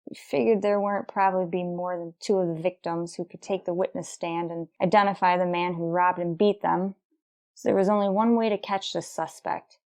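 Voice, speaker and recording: A woman narrates a radio crime drama and plays its lead, a determined, businesslike police detective sergeant. Her fairly low voice is brisk and close to everyday speech, with a clipped, terse, deadpan, procedural delivery.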